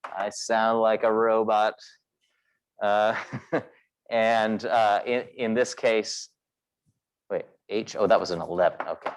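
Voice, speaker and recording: A man's voice: on the low side, steady tone, takes it slowly, pauses often, clear, resonant tone. A man teaching a physics class, explaining step by step and asking the class questions as he goes. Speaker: physics instructor. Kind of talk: lecturing in a class meeting. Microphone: recorded class session.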